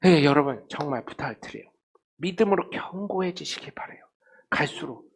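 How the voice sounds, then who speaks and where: Middle-aged pastor, high-pitched and gravelly, preaching in a church and acting out the voices of people in his stories. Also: lively intonation, brisk. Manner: storytelling, acting out quoted people, swings from loud to very soft. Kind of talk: sermon. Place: church sanctuary.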